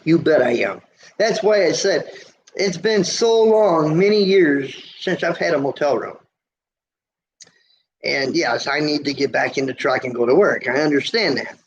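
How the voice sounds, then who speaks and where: A middle-aged American man with a squeaky voice hosts a casual livestream from a motel room, reading and answering viewer comments. He's a trucker who rambles in a folksy way, full of fillers and restarts, at a measured pace. The lo-fi livestream audio carries faint noise.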